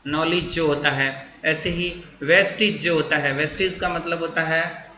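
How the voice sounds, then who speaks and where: A man with a bright, slightly raised voice gives a grammar lesson at a very slow pace. He drags out each word of his example sentences as if dictating them. The room around him is echoey. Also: fairly high pitch, steady tone. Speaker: English teacher.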